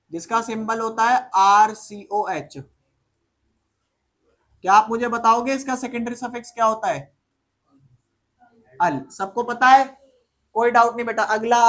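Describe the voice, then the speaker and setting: With an extremely high, fairly bright voice, a male teacher delivers a laid-back chemistry lecture. He keeps quizzing the class and answers his own questions with slangy teasing.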